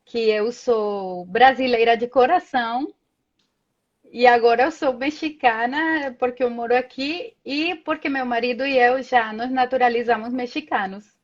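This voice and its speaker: On a lo-fi video call, a chatty guest in her thirties from Colombia speaks at a measured pace in a slightly high voice. A native Spanish speaker, she tells stories in this casual live chat and keeps adding tag questions.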